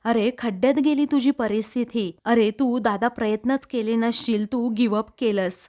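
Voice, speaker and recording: A woman reading the lines of an angry young man who shouts accusing questions at his older brother. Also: a little high, fairly even intonation, normal speed, natural voice. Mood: angry, reproachful.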